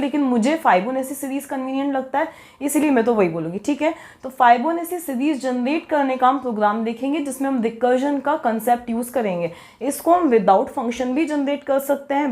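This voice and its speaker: A young woman with a high, light voice leads a coding lesson. She walks through each step patiently, asking questions aloud and then answering them herself. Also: a little mellow. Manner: explains step by step, asks and answers her own questions. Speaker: programming teacher. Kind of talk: Hindi coding tutorial.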